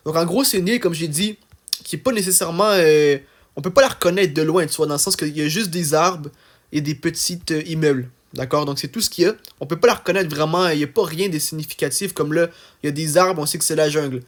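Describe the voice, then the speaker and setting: A young man with an accent giving casual, chatty gameplay commentary, full of fillers and checking in with "d'accord?". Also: on the high side. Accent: non-standard French accent. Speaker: gaming YouTuber.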